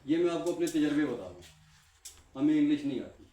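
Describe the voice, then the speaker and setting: A man speaking to a class of trainees in a fervent, repetitive way, firing questions at the room and answering them himself. His voice sits a little high and reaches the mic from across an echoey room. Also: lively intonation, warm tone, far from the mic. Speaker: guest speaker addressing trainees. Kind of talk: impassioned classroom talk.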